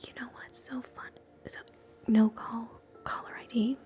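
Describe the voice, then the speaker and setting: A woman whispering softly through an ASMR scalp-exam role play, chatting gently with live viewers between slow steps. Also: a little high, flat delivery. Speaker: ASMR livestream host.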